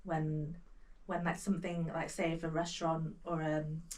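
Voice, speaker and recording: A woman's voice: low-pitched, monotone, moderate pace, a little mellow. A woman talking as a guest on a podcast, easygoing and chatty with many fillers. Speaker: podcast guest, food blogger. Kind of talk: casual chat. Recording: somewhat distant mic with faint noise.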